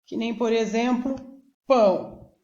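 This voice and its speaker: A woman teacher with a Brazilian Portuguese accent gives a recorded lesson for young pupils, explaining slowly and patiently and often checking that they follow. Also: a little high, dark tone. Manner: slow, patient, checks in with "tá joia?". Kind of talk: recorded remote school lesson. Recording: echoey room, dull lo-fi sound.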